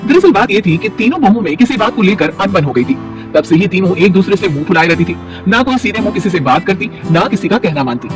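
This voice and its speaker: A man narrating a scripted cartoon moral story in a steady storytelling manner. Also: sits high, fast talker, distant mic, over music.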